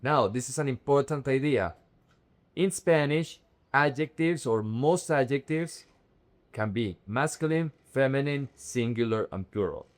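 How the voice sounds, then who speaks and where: A man teaches a Spanish lesson at a very unhurried pace, leaving space around every word. He says each word carefully and repeats it, stressing its syllables so they come through clearly. His voice sits at an ordinary middle pitch. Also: lively intonation. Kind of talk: slow, careful language lesson.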